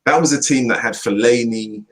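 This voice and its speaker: A man giving forceful, opinionated football punditry in a casual chat, repeating his points slowly for emphasis. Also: medium pitch, slight background noise, poor audio. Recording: online video chat, voice only.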